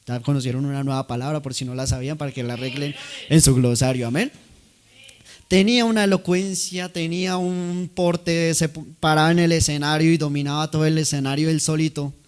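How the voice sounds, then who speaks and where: Guy preaching at church, kinda high voice, chatty, keeps asking the crowd stuff. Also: fairly even intonation, fairly quick, clear, resonant tone. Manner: conversational preaching, asks the congregation questions. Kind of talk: sermon.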